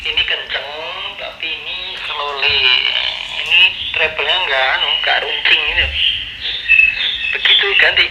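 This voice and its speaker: A man's voice: fairly high pitch, fairly even intonation, a little slow, heavy background noise. A man, heard over a two-way ham radio, chatting casually in a radio check and signing off each turn. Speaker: amateur radio operator.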